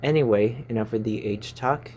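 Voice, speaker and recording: Medium-pitched and darkish, his voice moves at a normal speed over slight background noise. He's a Filipino YouTuber in his twenties, rambling casually to his channel and fumbling words, recorded on a phone in a small stuffy room.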